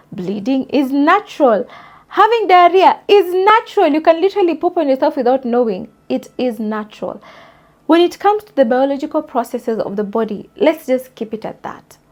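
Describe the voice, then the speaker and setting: High-voiced woman, emphatic podcast talk. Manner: emphatic, forthright, addresses listeners directly. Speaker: podcast host. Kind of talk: solo opinion monologue.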